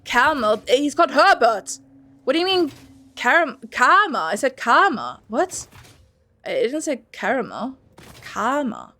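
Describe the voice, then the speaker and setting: A woman's voice: high voice, big pitch swings, unhurried, pushed and bright. A young woman streaming a game, rambling and swearing freely as she chats with her viewers. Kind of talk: casual gameplay commentary. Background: faint music.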